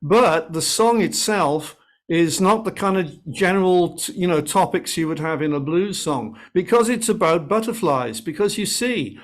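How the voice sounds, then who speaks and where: A man's voice: sits high, animated, moderate pace. A man with a Welsh accent, a guest musician chatting enthusiastically on a podcast call, often restarting his sentences. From Wales. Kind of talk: casual video-call podcast chat.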